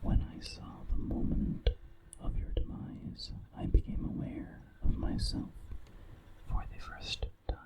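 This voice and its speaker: Very slow ASMR whisper right in your ear. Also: dark tone, rough recording. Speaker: narrator reading a horror story. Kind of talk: whispered ASMR story reading. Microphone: very close ear-to-ear ASMR microphone.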